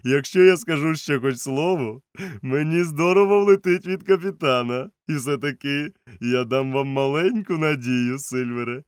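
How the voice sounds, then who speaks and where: A man's voice: on the high side, moderate pace, clean tone, dry recording, voice pushed up, natural voice. Man playing a resolute old-school doctor, raised voice, urgent and firm, dry close sound.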